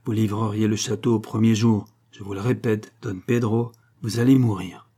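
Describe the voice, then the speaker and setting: A man's voice: on the low side, level tone, moderate pace, mellow. A man voicing a thirteen-year-old boy duke who speaks with firm, solemn command. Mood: coldly resolute.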